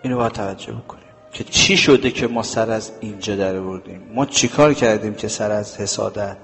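A man's voice: lowish voice, creaky, fairly bright tone, soft background music. Emphatic male preacher in a reverberant hall. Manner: emphatic, with rhetorical questions he then answers. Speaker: religious preacher. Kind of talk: sermon to a live audience.

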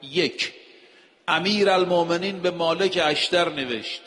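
A man's voice: high voice, a bit bright. A man preaching a sermon, emphatic, asking rhetorical questions and quoting scripture. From Iran. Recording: long hall reverb.

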